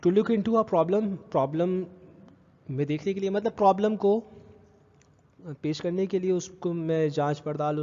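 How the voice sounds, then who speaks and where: A man's voice: high voice, warm tone. Man teaching over a dull echoey recording. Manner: explains slowly, repeating terms in two languages; checks understanding with short questions. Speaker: college teacher. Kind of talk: recorded slide lecture.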